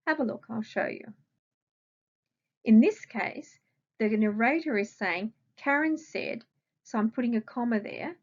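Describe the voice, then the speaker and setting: A woman's voice: fairly high pitch, lively intonation, a little slow, pauses often, muffled recording. A woman with an Australian accent, a primary school teacher patiently explaining a recorded grammar lesson to children and asking them questions.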